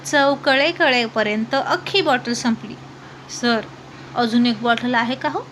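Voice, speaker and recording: A woman's voice: on the high side, unhurried, a bit bright, slight background noise. Woman doing a drunk, whiny young wife. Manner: sing-song, pleading, petulant. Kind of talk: storybook narration.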